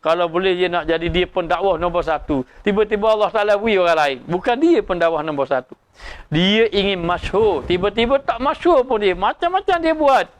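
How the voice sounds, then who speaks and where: A man's voice: sits high, brisk. A man with a Malaysian Malay accent giving a religious lecture, explaining with frequent "ha" fillers and rhetorical questions. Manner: acts out dialogue in raised voice. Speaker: religious teacher.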